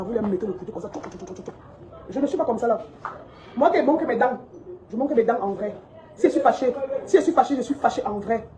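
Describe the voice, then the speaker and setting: A woman's voice: a little high, warm tone, poor audio. A woman who owns a shop, giving a heated, scolding monologue to her followers and repeating her points indignantly. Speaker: shop owner vlogging.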